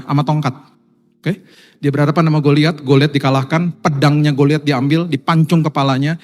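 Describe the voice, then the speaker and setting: A male pastor with an Indonesian accent preaching a sermon to his congregation, swinging between hushed, intimate passages and loud, emphatic ones. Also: fairly high pitch. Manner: addresses congregation as Bapak Ibu.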